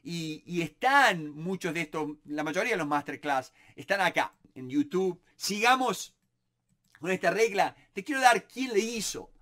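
Speaking unhurriedly in a high voice, a middle-aged man with a Rioplatense Spanish accent gives a relaxed monologue as a negotiation instructor. He's animated, echoing his own words while he reasons aloud.

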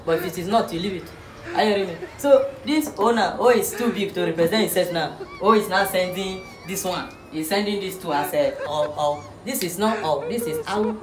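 Playful woman in a roomy echo. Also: medium pitch. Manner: playful, repetitive, laughing often. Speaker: comic host. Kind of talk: mock spelling lesson.

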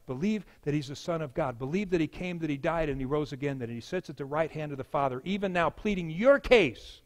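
A pastor preaching a sermon, emphatic, swinging between loud declarations and hushed lines. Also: male voice, high voice.

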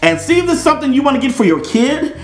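Very high-pitched, very animated, and fast, a middle-aged American man hosts a playful, theatrical comedy unboxing. He's in a small indoor studio set, and the recording has a roomy, echoey quality.

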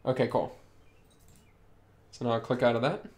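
A man's voice: medium pitch, steady tone, moderate pace, darkish tone. A man live-streaming as a game developer, explaining in a casual way and thinking aloud while he works.

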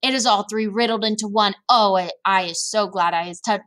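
A woman voices a large, kind, excitable male giant from a storybook, full of exclamations, jumbled grammar and made-up words. Her voice is mid-range and natural, moving a little fast, and the mood is agitated.

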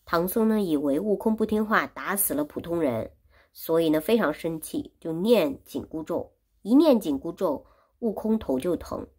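A woman's voice: fairly low pitch, lively intonation, moderate pace, a little mellow, breathy edge. A woman teaching Chinese who retells a classic story in simple words and repeats and explains each phrase. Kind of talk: storytelling lesson.

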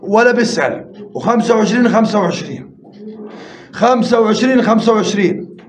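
A man hosting a live pigeon auction, rapidly counting bids and urging viewers to join in. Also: sits high, animated. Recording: roomy, slightly dull live-stream audio with faint noise.

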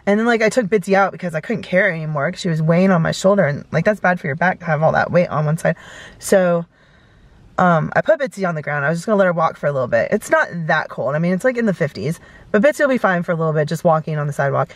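With a lowish voice that is expressive and rapid-fire, a thirty-something woman rambles through a casual story for her vlog, full of fillers. She's inside a parked car at night, speaking to a camera just in front of her, and the sound has no echo.

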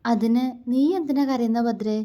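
A woman's voice: fairly high pitch, fairly even intonation, moderate pace, mellow, natural voice. A woman voicing a playful, loving young husband who teases and comforts his wife in a romance story. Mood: tender. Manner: teasing and tender.

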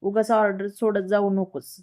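A woman narrator voices a short-tempered young husband who snaps back gruffly. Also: medium pitch, flat delivery, normal speed, natural voice. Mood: angry. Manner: gruff, shouting orders.

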